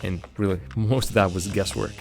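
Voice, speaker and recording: A man giving casual, halting game commentary, thinking aloud and poking fun at himself, and speaking as a language. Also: deep voice, fairly even intonation, vocal fry. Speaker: host of a game playthrough stream. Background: game music.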